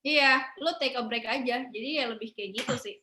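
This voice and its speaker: A young woman, chatting as an interview guest in a relaxed way, mixing in English phrases and laughing often. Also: a little high, brisk, reverberant, a little hiss or hum. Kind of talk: casual interview chat.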